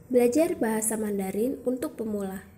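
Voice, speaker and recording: High-voiced young woman explaining a lesson. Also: animated, a little fast, mellow. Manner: patient step-by-step explaining, demonstrating tones aloud. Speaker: student presenter. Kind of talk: educational explainer.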